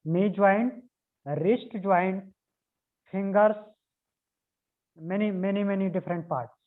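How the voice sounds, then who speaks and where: Guy teaching yoga anatomy on a zoom call, high voice, tinny phone-like audio, keeps repeating himself and spelling words out. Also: takes it slowly. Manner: repeats phrases and spells out key words letter by letter. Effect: heard over a video conference call. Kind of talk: online class lecture, dictating notes. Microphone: video call.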